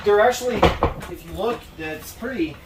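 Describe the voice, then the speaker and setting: A man's voice: sits high, moderate pace. A man working as an RV salesman, chatting casually about features inside a trailer. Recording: distant mic, echoey, noisy interior.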